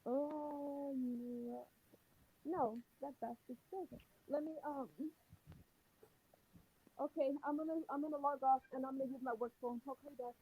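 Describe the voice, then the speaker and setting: A woman's voice: high voice, steady tone, measured pace, warm tone. A woman calling in on a phone, her voice muffled as if heard through a wall and faint, hesitating while she sorts out her connection. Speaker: guest calling in. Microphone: phone held badly, far from mouth.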